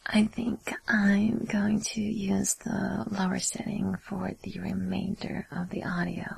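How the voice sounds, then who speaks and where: A young adult woman speaking in a soft, breathy whisper, recording an intimate personal audio. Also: mid-range voice, no room sound, low-quality recording. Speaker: audio creator.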